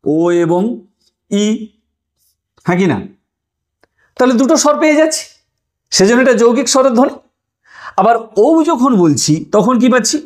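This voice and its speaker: A man's voice: very high voice, lively intonation, moderate pace, pauses often. Man, teacher, online grammar lesson, rising and falling voice, asks questions, draws out sounds.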